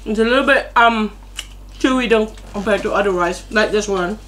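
Woman, mouth full, casual eating-vlog chat, hesitant, middle pitch, at home. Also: normal speed, a bit bright, a little hiss or hum. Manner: hesitant, many "um" fillers. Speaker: mukbang co-host.

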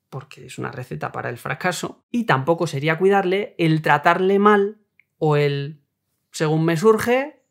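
A young adult man, hosting a self-help video and calmly explaining ideas with worked examples. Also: on the high side. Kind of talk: explanatory talk on relationships.

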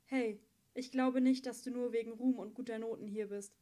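A woman's voice: on the high side, flat delivery, fast, warm tone, lightly acted. A woman reading an audiobook, voicing a weakened, chained teenage girl who talks plainly and wryly. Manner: wry and plainspoken. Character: weak, chained teenage girl singer, wry.

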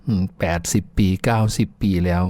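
A man speaks briskly in a darkish tone, with no room sound, while hosting a radio show. He tells folksy childhood stories chattily and laughs often, as faint music plays in the background.

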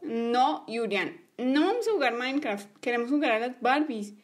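Pouty young girl in a toy story, done by a woman; high voice, light music under. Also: animated, normal speed, close to an everyday voice. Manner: complaining, pouty. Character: sulky young girl friends.

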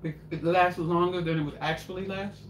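Her lowish, steady voice moves fairly quickly as the older woman hosts a live cooking show indoors in her home kitchen, rambling and fielding viewer questions in casual chat. Because the camera sits far away in front of the counter, the recording is echoey, noisy, and distant.

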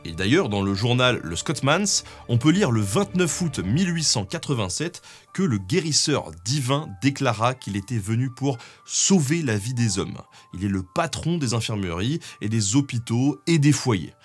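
A man's voice: medium pitch, big pitch swings, moderate pace, slightly rough, faint music behind. A man explaining history in a casual, chatty way, often dropping in small fillers. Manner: chatty, with many fillers like "hein". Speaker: guest co-host.

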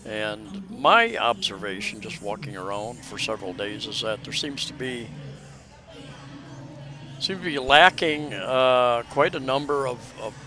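A man with a medium-pitched voice and a somewhat slow delivery, a travel vlogger, rambles his way through a casual walking tour, stopping and restarting a lot. The camera mic records him as he walks a busy city street during a festival, thick with crowd noise.

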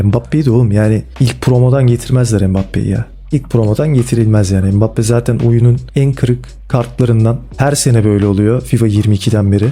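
A man commenting casually and excitedly on football game cards as a gaming video host, with slangy, chummy talk aimed at his viewers. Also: mid-range voice. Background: faint background music.

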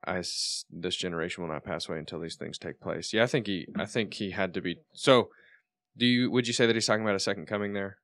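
A man in his twenties co-hosting a podcast, thinking aloud with halting restarts and reading scripture aloud. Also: low voice, a bit bright, dry recording. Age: 20s. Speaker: podcast co-host.

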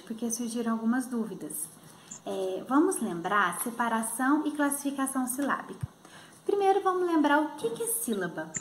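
A woman with a Minas Gerais Brazilian accent teaching young children in a recorded lesson, slowly sounding out words. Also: a little high, a bit bright, roomy sound, a little hiss or hum. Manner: slow, sounding out words for kids. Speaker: primary school teacher. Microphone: phone.

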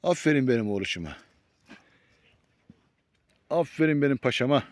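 A man's voice: mid-range voice, lively intonation, moderate pace, dry recording. A man filming his dogs on an outdoor walk, chatting affectionately to viewers and calling the dogs pet names. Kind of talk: casual commentary to viewers. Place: outdoors in nature.

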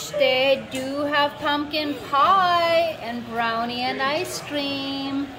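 A woman filming a family vlog on her phone, gushing with enthusiasm about everything around her. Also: high-pitched. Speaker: vlogger and mother. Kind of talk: casual family vlog narration. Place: busy pub restaurant, indoors. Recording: crowd chatter in a busy pub.

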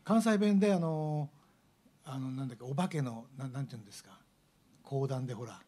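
A man's voice: medium pitch, a little fast, mellow, slight background noise. A man who plays percussion in the band, bantering casually on stage in a small club, playful and rambling, laughing a lot. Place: small live music club.

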